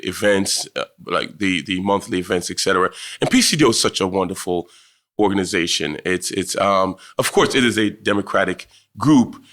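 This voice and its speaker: A man's voice: lowish voice, fairly bright tone. A man in his forties from Jamaica, a town councilman chatting as a podcast guest, friendly, with many fillers and restarts. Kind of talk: casual podcast conversation. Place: office with law books.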